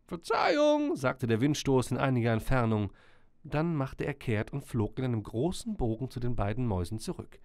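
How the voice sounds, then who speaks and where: A man narrating a storybook with gentle, expressive storytelling. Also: medium pitch, dry recording, clean studio sound.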